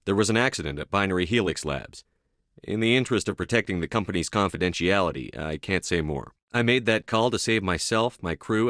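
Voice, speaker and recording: Video game military commander: low male voice, steadfast, clipped and formal, dry close sound. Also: a bit bright, no echo. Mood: composed, guarded. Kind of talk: video game dialogue lines.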